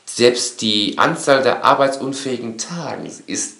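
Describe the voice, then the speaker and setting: A man in casual conversation, talking in an animated, rambling way and often tagging his sentences with a questioning "ne". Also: medium pitch, a little slow, gravelly. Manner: animated, rambling, frequent tag "ne?". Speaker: course instructor. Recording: echoey room.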